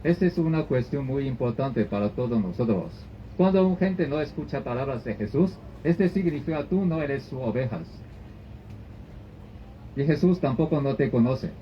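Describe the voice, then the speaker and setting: A man preaching a sermon as pastor, in halting phrasing that often restarts and repeats. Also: mid-range voice, animated. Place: church service. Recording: dull lo-fi recording with faint noise.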